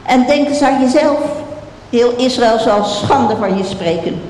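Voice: moderate pace, natural voice. A reader voicing a desperate young king's daughter, pleading in a raised, urgent voice, recorded in a roomy hall. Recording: roomy hall reverb, faint rumble.

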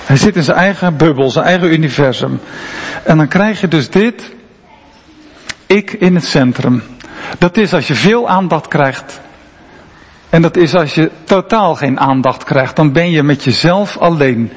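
A man's voice: on the high side, expressive, normal speed, slightly rough. A man preaching a sermon in a conversational, emphatic way, often asking rhetorical questions. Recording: long reverb of a large hall.

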